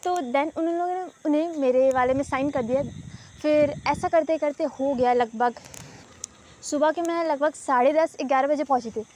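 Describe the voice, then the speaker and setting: A woman's voice: high-pitched, normal speed, a little mellow, a little hiss or hum. A young woman telling a sarcastic, ranting storytime vlog, dropping English words in. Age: young adult. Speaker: vlogger.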